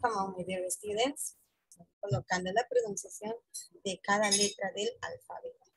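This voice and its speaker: A woman teaching English to school students, saying each phrase in English and then in Spanish and often checking in with a quick tag question. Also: medium pitch, very animated, vocal fry, breathy edge, no echo, low-quality recording. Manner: spells letters out slowly, one by one.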